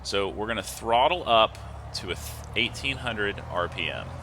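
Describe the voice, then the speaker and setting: This flight simulator series host methodically reads checklist items and explains each step. He speaks at a moderate pace with a lowish, sharp-toned voice and lively intonation, and there's a little hiss or hum on the recording.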